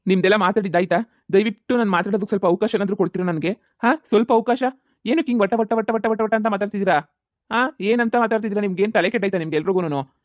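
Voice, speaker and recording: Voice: medium pitch, dry recording, dull audio, lightly acted. A voice actor playing an exasperated man who refuses a marriage, in a cartoon comedy.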